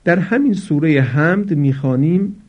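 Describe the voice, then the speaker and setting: A man teaches the correct recitation of prayers in a measured, explanatory voice, drawing out key words slowly for emphasis. His tone is dark and mellow, and the recording sounds slightly dull and lo-fi. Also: a little high, slightly rough. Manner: explanatory, stresses example words with slow careful emphasis. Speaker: religious teacher. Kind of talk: instructional talk on prayer recitation.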